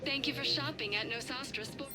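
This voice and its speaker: A woman voicing a polite female shop announcer in a game, heard as a cheerful store loudspeaker announcement. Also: sits high, a little fast, faint music behind. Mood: courteous. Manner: cheerful scripted shop greetings. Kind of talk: game dialogue.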